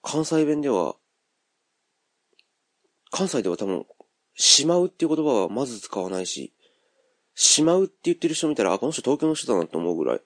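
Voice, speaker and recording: A man's voice: mid-range voice, big pitch swings, moderate pace, pauses often, no room sound, studio quality. A man with a Kansai accent hosting a podcast, thinking aloud in a rambling, casual monologue full of fillers. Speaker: podcast host.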